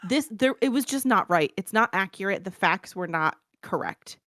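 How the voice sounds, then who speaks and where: A woman's voice: medium pitch, animated, normal speed, fairly bright tone, dry recording, clean studio sound. A woman co-hosting a podcast in casual chat, blunt and emphatic, swearing often. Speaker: podcast co-host.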